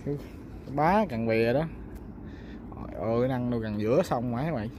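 Speaking at a normal speed in a mid-range voice, this man talks to viewers in a relaxed, colloquial outdoor vlog style, frequently exclaiming as he fishes. His accent is Southern Vietnamese from the Mekong Delta, and he's on a small river boat with clear boat sounds in the background.

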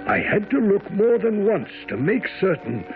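An actor playing a loyal, genteel doctor who politely recounts a detective's case in a radio drama. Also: male voice, high-pitched, very animated, normal speed. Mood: reflective narration. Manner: polite, storytelling. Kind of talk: 1970s radio drama narration and acting. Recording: tinny old radio broadcast, music behind.

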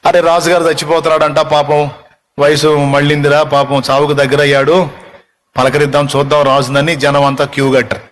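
Animated storytelling male preacher. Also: on the high side, brisk. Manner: lively, conversational storytelling. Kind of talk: sermon storytelling.

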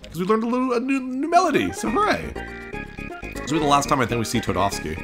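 A gaming video host gives casual, chatty playthrough commentary, playfully reading the game's text aloud in exaggerated tones. His voice is high and fast, with huge swings in pitch. Video game music plays behind him.

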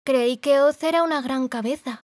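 A woman's voice: high-pitched, moderate pace, a little mellow, no room sound, clean studio sound, voice pushed up, lightly acted. A woman voicing an earnest young girl who speaks insistently in an audiobook.

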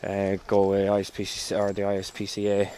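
A man's voice: fairly low pitch, monotone, fairly quick, warm tone, smooth. A man in his thirties talking casually to a handheld camera on an outdoor trail, rambling candidly with fillers and restarts. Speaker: hiker vlogger. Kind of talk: casual walking vlog to camera. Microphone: handheld camera at arm's length.

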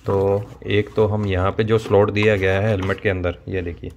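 A lowish, slightly mellow male voice with flat delivery comes through at normal speed on a muffled recording with slight background noise. He's an Indian motovlogger in his thirties presenting a product installation, explaining it step by step to viewers in a casual tutorial vlog shot in a small indoor room at home.

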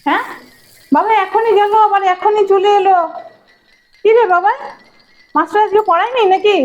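A frightened mother in a comic horror skit, played by a woman, with a very high, shrill voice. She pleads in fast, repeated cries. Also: lo-fi sound. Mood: worried.

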